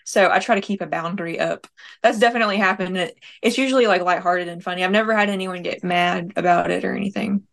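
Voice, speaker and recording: A woman's voice: lowish voice, fairly even intonation, fast talker, vocal fry, a bit bright. Chatty young woman guest. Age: young adult. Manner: chatty, many fillers. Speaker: guest, nurse and prank caller. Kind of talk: casual interview answers.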